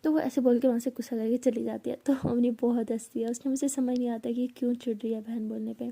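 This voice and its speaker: A woman's voice: fairly high pitch, little pitch movement, fast talker, gravelly, warm tone. A young woman telling a love story in a casual, chatty way, with asides to the listener.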